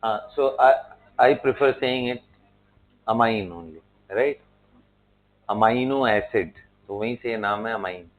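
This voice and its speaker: A man's voice: on the low side, slow. A man teaching a chemistry class in a lecture style, spelling out terms letter by letter and checking in with his students. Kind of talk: classroom lecture mixing Hindi and English. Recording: tinny phone-like lo-fi sound.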